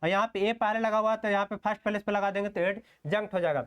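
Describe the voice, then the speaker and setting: A man's voice: high-pitched, fairly even intonation, clean tone. Step-by-step male shorthand teacher. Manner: repetitive, rhetorical questions, frequent "okay" check-ins; slow, step-by-step explanation while writing strokes. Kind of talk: online stenography class.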